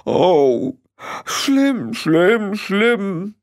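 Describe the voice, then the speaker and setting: Man voicing a weepy dim little sprite, sobbing, high, storybook. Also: very animated, drawn-out words, no echo, studio quality, heavily acted. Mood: wailing. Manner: wailing and sobbing.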